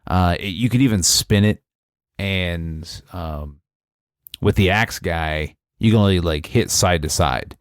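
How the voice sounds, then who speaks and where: A man in a casual gaming discussion, speaking haltingly and searching for his words. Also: sits low, dry recording, clean studio sound.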